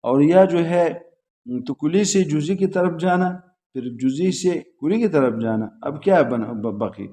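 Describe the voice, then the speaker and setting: A man lecturing on logic to a class at a religious school. His voice is dark and mellow. He keeps asking the students questions, waits for their answers and repeats them back patiently, going over each point more than once. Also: a little high, expressive. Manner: patient, repetitive explaining.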